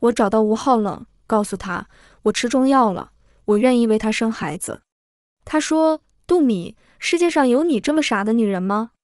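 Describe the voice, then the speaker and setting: Woman reading a story aloud, kinda high voice, even steady delivery, super dry close mic. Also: moderate pace, dry recording. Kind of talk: scripted first-person narration.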